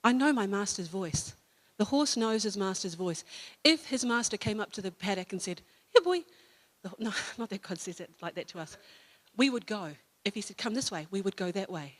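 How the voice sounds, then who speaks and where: A woman with a New Zealand accent speaks at a church service in a mid-pitched voice. She tells her story in a chatty, loose way, full of fillers and restarts, then slows down to read scripture. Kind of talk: informal sermon talk. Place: church hall.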